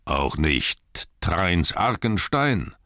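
Guy playing a calm grim leader, deep and deliberate, dry sound. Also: dry recording, heavily acted. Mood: steady. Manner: slow, level and deliberate. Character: steady grim male human leader. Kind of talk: audiobook character voice.

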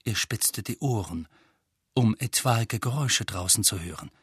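A man narrating an audiobook with expressive, lively storytelling. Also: fairly low pitch, a little slow, husky, no room sound, clean studio sound.

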